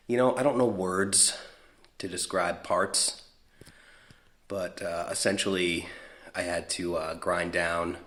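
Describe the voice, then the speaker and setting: A man giving a casual, halting update on his garage project, searching for words with lots of fillers, a little out of breath. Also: low voice, a bit bright. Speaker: hobby builder vlogging a mini bike project. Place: hot home garage.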